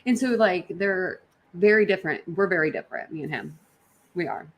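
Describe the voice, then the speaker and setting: In a lowish voice and at a fairly quick clip, a woman livestreams from inside her apartment. She rambles informally with her viewers, leaning heavily on slang.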